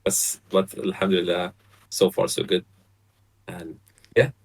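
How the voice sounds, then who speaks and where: Guest: young man from Saudi Arabia, low-pitched, halting casual chat over a headset on a video call. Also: creaky, breathy edge. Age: 20s. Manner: relaxed, hesitant, many fillers and restarts. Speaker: podcast guest. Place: bright apartment room, indoors.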